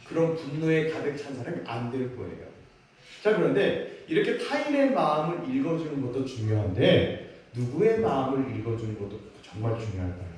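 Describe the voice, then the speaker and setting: Animated pastor preaching in an echoey hall. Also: male voice, a little high. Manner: animated, acts out parents' lines and leads the congregation in call-and-response. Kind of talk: sermon. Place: large church sanctuary. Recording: echoey church hall, distant mic, faint noise.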